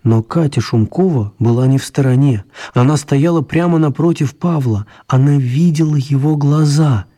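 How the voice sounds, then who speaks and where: A man with a medium-pitched, dark-toned natural voice tells a children's tale as its narrator, reading the scripted storybook text at a moderate pace. He barely pauses, keeping a storytelling mood throughout.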